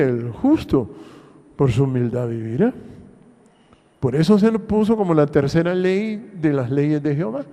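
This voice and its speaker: A Honduran man preaches a sermon as pastor, slow and deliberate, his somewhat high voice rising and falling widely. His tone is dark and mellow, and he keeps asking the congregation rhetorical questions. A long church reverb hangs behind every phrase. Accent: Honduran Spanish. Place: church hall.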